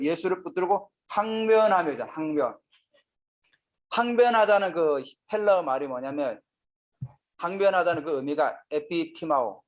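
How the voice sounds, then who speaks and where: A male pastor teaching a Bible study sermon in a lively, conversational way, often asking the congregation questions. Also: high voice. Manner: lively, asks the audience many questions. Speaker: senior pastor.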